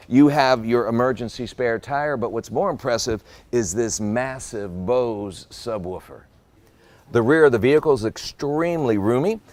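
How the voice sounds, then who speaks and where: A man presenting a car review walkaround, with an upbeat, jokey, salesman-like delivery. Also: medium pitch.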